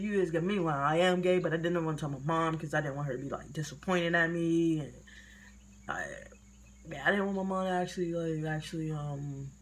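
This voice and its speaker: A young woman vlogger telling a personal story in a casual, slangy, animated way. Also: sits low, slight background noise.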